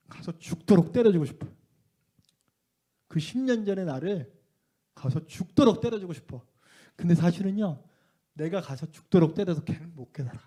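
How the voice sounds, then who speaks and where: A middle-aged male preacher with a high-pitched voice delivers a revival sermon in a church. He tells a personal story with fervor. His voice swings from loud outbursts down to near-whispers. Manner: impassioned storytelling, swinging between shouts and hushed tones. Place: church sanctuary.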